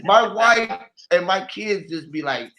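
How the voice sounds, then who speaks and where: A man's voice: high-pitched, expressive, unhurried, sharp tone. A middle-aged man streaming late at night, telling loose, profane stories and laughing often. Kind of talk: late-night casual chat.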